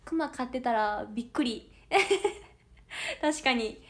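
Speaking slowly in a fairly high, expressive voice, a 21-year-old woman with a Kansai Japanese accent reads viewer comments during a casual livestream for her idol audition. She's bubbly, giggling and laughing frequently throughout.

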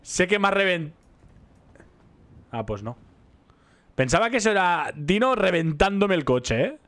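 A man's voice: high voice, very animated, measured pace, a bit bright. A young man with an accent from Spain, rambling and joking with viewers in casual gameplay commentary. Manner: rambling, self-mocking, chatty with viewers. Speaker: roleplay streamer.

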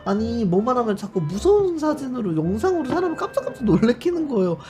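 A male live streamer in casual chat, expressive and animated, with sudden shrieks. His voice swings widely in pitch. Loud background music runs through the stream. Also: fast.

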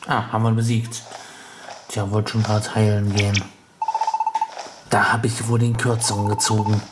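A man's voice: lowish voice, monotone, moderate pace, heavy background noise. A man giving casual commentary while playing a video game, musing aloud. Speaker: let's play host. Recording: loud game music behind.

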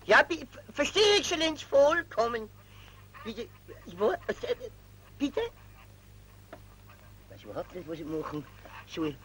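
A fussy little official, tripping over his words and fawning over his superiors. His voice sits high and bright, in an old film soundtrack from the 1940s. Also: slow, long pauses, exaggerated voice, poor audio. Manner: stammering, deferential, excitable. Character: flustered fussy male minor civil servant. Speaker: stammering petty official.

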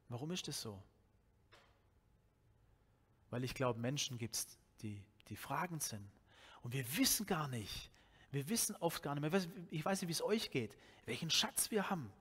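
This is a pastor in his forties from Swabia, his Swabian German accent clear as he delivers a sermon over a headset mic in a church hall. His voice is a little high, and his style is conversational and animated, with many fillers and restarted sentences.

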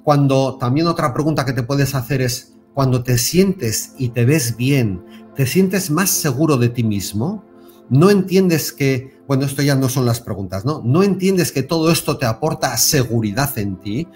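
Animated Spanish man over soft music. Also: medium pitch, unhurried. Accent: Spain Spanish. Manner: animated, repeats words and stresses with tag questions. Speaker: self-help video host. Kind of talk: motivational spiritual talk to camera.

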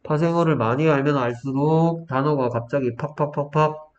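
A man teaching an English vocabulary lesson to a student in a small room, explaining step by step and quizzing with quick questions. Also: a little high. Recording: dull lo-fi room recording, faint noise.

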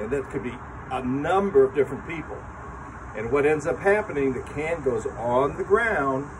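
An older man with grandchildren leading a lively children's sermon outdoors, talking straight to the kids as he tells a story. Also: fairly high pitch. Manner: animated storytelling, talks to children. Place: outdoor covered chapel area. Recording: distant mic with traffic noise outdoors.

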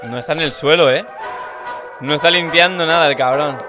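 Young Spaniard muttering through a horror game. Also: male voice, on the high side, normal speed, music in the background. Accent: Spain Spanish. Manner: muttered thinking aloud, sudden shouts. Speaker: gaming streamer. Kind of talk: horror let's play commentary.

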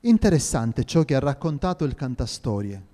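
A man voicing a calm, commanding medieval emperor in a measured, regal tone. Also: mid-range voice, natural voice. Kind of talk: audio drama reading. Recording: reverberant hall with faint music.

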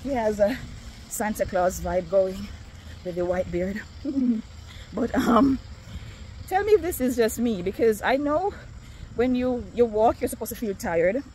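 A woman's voice: medium pitch, lively intonation, unhurried, darkish tone, slight background noise. A woman from Jamaica, chatting casually to viewers on a phone while walking outdoors, a little out of breath. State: slightly out of breath. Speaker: vlogger. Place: outdoors on a neighborhood street.

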